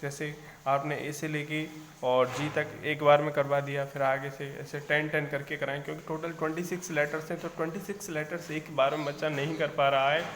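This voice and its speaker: A man teaching an instructional phonics lesson. He speaks deliberately, repeats each sound, and checks in with "okay". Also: on the high side, little pitch movement, a bit bright, slight background noise. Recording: long hall reverb.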